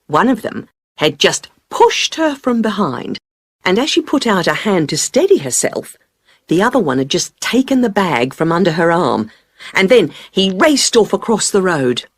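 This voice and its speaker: A husky, chatty witness. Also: female voice, fairly low pitch, moderate pace, dry recording, clean studio sound. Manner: rambling, lively storytelling. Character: chatty female witness recounting a street bag snatch. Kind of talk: scripted listening test dialogue.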